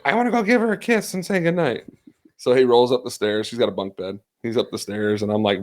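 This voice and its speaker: A man's voice: on the low side, darkish tone. A man in his thirties co-hosting a podcast, chatting casually and laughing often as he tells family stories. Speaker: podcast co-host. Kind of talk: casual chat.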